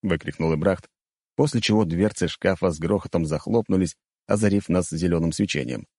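Deep, warm male reader for first-person fantasy narration, measured delivery. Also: breathy edge, no room sound, studio quality. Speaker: audiobook narrator.

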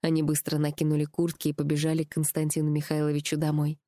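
A woman narrating an audiobook with an even, measured reading. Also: low voice, dry recording, clean studio sound.

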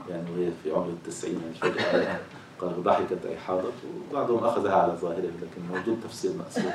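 A man teaching Quran commentary, reciting verses slowly and then explaining them in plain speech. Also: low-pitched, a little hiss or hum. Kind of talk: tafsir lesson. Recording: echoey room, voice far from mic.

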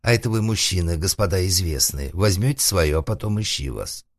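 A man's voice: deep voice, expressive, fairly quick, no room sound, studio quality. A man voicing a proud, prim young woman who sighs, pleads and stands her ground, in a comic audiobook. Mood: prim, stubborn. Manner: breathy, pleading, coquettish sighs. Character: proud young marriageable beauty, prim and coy.

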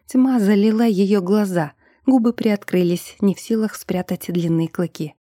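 A woman narrating an audiobook with a calm, even reading. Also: mid-range voice, normal speed, dry recording, studio quality.

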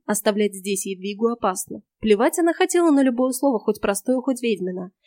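A woman narrating a first-person audiobook in a lively, expressive reading voice. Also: mid-range voice, no echo, clean studio sound.

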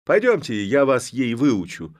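A man's voice: medium pitch, very animated, measured pace, dry recording, clean studio sound, voice pushed up. A man voicing a hot-tempered young Cossack lad who mocks and rouses his friends. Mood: rabble-rousing. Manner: mocking, rousing.

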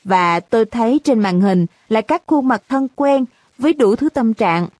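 A woman narrates a storybook in first person with a lively, expressive reading. Her voice sits fairly high, and the recording is close and dry. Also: normal speed, no room sound.

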